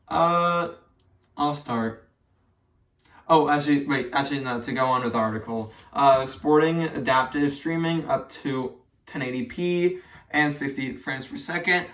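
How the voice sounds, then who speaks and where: A man's voice: medium pitch, a bit bright. A man co-hosting a weekly news roundup, chatting casually and reading articles aloud, with lots of fillers and restarts. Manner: rambling with many fillers and restarts. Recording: echoey room, mic at a distance.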